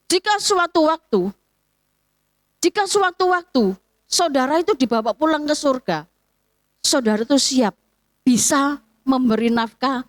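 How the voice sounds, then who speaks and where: A high-pitched woman preaches with an East Javanese accent, animated and quick to put questions to her congregation. Her voice comes across close and dry, with no room sound around it. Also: no echo. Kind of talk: lively sermon. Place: church service.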